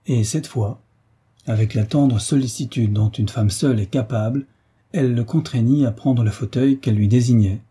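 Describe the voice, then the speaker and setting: A man narrating a classic novel as an audiobook with a measured, deliberate reading. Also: mid-range voice, mellow, slightly rough.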